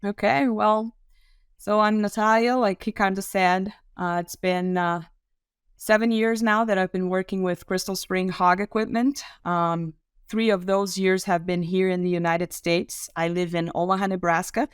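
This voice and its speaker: A middle-aged Brazilian woman with a Brazilian Portuguese accent, a podcast guest talking in a relaxed, thoughtful way with many ums. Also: medium pitch, moderate pace, clean tone, no room sound, clean studio sound. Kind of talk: podcast interview.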